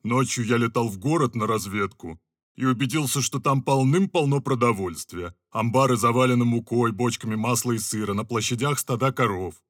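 A man's voice: mid-range voice, a little fast, fairly bright tone, dry recording, studio quality, voice pushed up, natural voice. A man voicing a scheming old male owl adviser who speaks in a sly, confiding way in an audiobook. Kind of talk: audiobook character voice.

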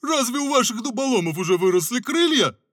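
Storybook scarecrow ruler, voiced by a man: lively, high, jokey and mocking. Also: unhurried, no room sound, clean studio sound, heavily acted. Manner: mocking, playful. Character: cheerful witty straw-man ruler. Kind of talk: audiobook character voice.

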